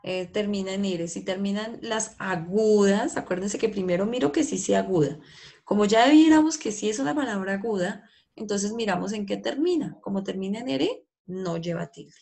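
A woman's voice: medium pitch, expressive, normal speed, gravelly, mellow. A woman, a primary school teacher patiently coaxing answers from children in an online class over a video call.

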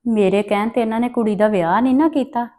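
A woman playing a bitter, scornful daughter-in-law. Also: a little fast. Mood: scheming. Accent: Punjabi. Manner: sharp, scornful retorts; low muttered scheming asides. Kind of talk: amateur family drama acting.

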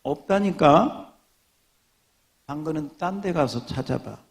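A gravelly-voiced pastor puts on a grumpy stationery shop owner who scolds a pestering customer. His voice rises as he loses patience. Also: fairly high pitch, lively intonation, unhurried, darkish tone. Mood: exasperated.

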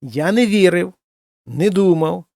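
A man teaching Spanish grammar in a slow, careful way, repeating example forms and switching between two languages. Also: sits high, expressive, vocal fry, a little mellow, no echo, clean studio sound. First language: Ukrainian. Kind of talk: explaining grammar with spoken examples.

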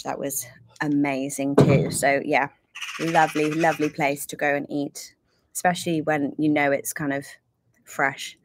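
A woman's voice: sits low, a little hiss or hum. A woman chatting casually on a van-life livestream, rambling and apologetic, inside a camper van. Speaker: livestream co-host.

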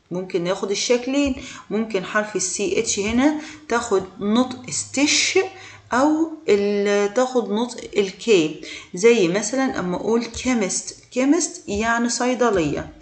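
A woman with an Egyptian Arabic accent teaching beginner English. She speaks patiently and repeats each word slowly for learners. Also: medium pitch, echoey room. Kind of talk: beginner language lesson.

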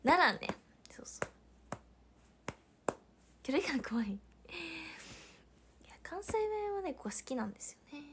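A young woman with a Hiroshima Japanese accent chats casually on a livestream. Her voice sits a little high, and she reads out viewer comments and laughs often. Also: sing-song, a little slow, pauses often, slight background noise. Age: young adult. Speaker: idol livestreamer.

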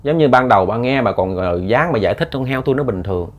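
Folksy ghost-story teller. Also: male voice, mid-range voice, lively intonation, fast talker. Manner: folksy, repetitive, addresses listeners directly.

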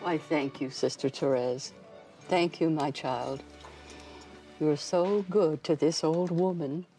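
An actress playing a cranky elderly nun who complains and scolds slowly, in a film drama. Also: female voice, high-pitched, wildly swooping pitch, faint music behind, heavily acted. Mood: grateful. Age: older.

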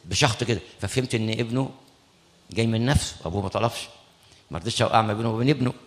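A man's voice: lowish voice, rapid-fire. A man with an Egyptian accent, a priest preaching a sermon and retelling conversations from his ministry, acting out both sides. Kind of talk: sermon with storytelling. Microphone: studio broadcast mic.

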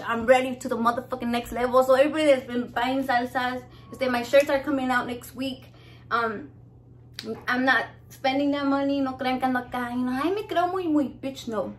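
A young Mexican American woman hosting a cooking channel, chatting brashly to camera, swearing constantly and slipping into Spanish. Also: sits high. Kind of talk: casual profane chat to camera.

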